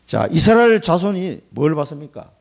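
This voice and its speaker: A man preaching a Sunday sermon in a church, in a colloquial, animated way, acting out the people he quotes and chuckling as he talks. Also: a little high, normal speed, vocal fry. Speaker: pastor. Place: church sanctuary.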